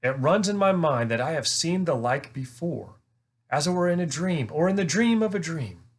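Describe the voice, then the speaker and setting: A man's voice: fairly high pitch, sing-song, moderate pace, slightly rough, voice pushed up, full character voice. An earnest young king of storybook legend, acted by a man reading aloud. He is curious and courtly, phrasing everything in formal, antique language. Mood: haunted wonder. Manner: formal archaic courtly speech.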